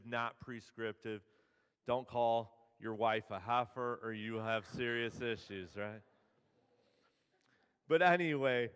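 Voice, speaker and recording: A man's voice: medium pitch, fairly bright tone, smooth. A man preaching a sermon as pastor, retelling the story in a casual, conversational way. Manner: casual storytelling, paraphrasing characters in everyday speech. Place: church sanctuary. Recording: church hall with long reverb.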